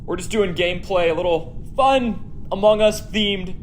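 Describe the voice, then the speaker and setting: A male live-streamer, voice high and unhurried, talks casually with his viewers and answers comments during gameplay. There's no headset, so sound comes through the device, and the echoey room adds slight background noise.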